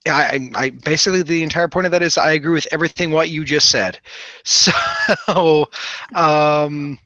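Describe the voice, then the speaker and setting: In an earnest, conversational discussion, a man speaks haltingly and reflectively, repeating words for emphasis. His voice is a little high with a sharp tone, and the recording is dry and dull.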